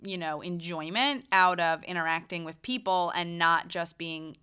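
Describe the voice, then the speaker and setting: Bright, clear-voiced woman podcast co-host. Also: fairly low pitch, moderate pace. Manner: explains research findings conversationally, with restarts. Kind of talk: casual health podcast discussion.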